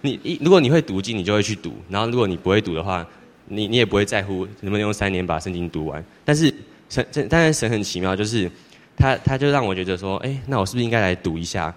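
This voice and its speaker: A teenage boy giving a church testimony in a rambling, halting way, with many restarts. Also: fairly low pitch, expressive. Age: teens. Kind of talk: personal testimony. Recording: long hall reverb.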